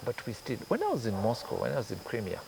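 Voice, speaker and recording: A Kenyan journalist, a guest in a conversational interview, patiently explains his points with examples and asides, thoughtful throughout. His mid-range voice swoops wildly in pitch, fast, creaky, and a little mellow, with slight background noise.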